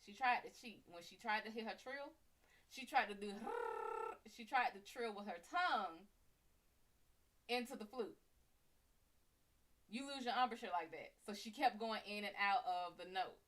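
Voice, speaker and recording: A woman hosting a live stream, telling a story in casual, animated, profane talk and calling listeners honey and baby. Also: medium pitch, a little slow, pauses often. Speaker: psychic reader and live show host.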